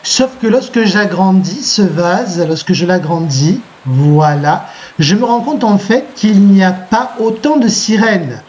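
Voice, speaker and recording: French-accented male teacher, high-ish voice, patient dictating tone, slightly dull recording. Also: expressive, a little mellow. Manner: dictates slowly, repeats himself, checks with "d'accord?". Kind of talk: recorded lesson with slides. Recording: muffled lo-fi recording.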